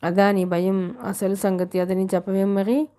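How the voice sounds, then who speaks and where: A woman's voice: medium pitch, level tone, measured pace, mellow, smooth, natural voice. A woman voicing a practical, frank young female friend in an audiobook novel.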